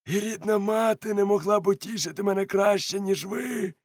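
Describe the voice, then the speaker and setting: Man putting on a high, strained pirate cook, cunning and wheedling, storybook reading, dry sound. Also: a little slow, dry recording. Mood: overjoyed.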